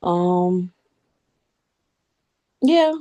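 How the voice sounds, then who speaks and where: A woman's voice: on the low side, lively intonation, very slow, dark tone. A woman in her thirties, a guest on a video-call interview, chatting casually, laughing often and calling the listener honey.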